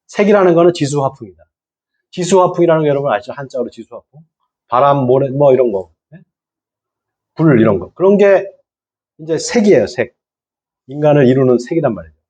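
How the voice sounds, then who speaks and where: A man's voice: fairly high pitch, mellow, husky, highs cut off. A middle-aged man, a pastor, giving a church lecture to lay people, often questioning his listeners and repeating key words.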